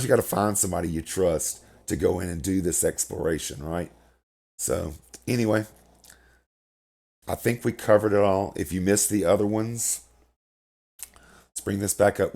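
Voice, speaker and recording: Speaking from his home setup indoors, a middle-aged man hosts a gaming video in a deep, darkish voice that's crackly and gravelly. His commentary is casual and rambling, full of repeated words and swearing when he's annoyed.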